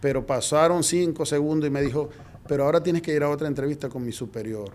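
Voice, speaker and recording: A middle-aged man from Venezuela, a guest in an interview, telling his story in a lively way and acting out the dialogue. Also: a little high, fast, a little hiss or hum. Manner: lively anecdotal, acts out quoted dialogue.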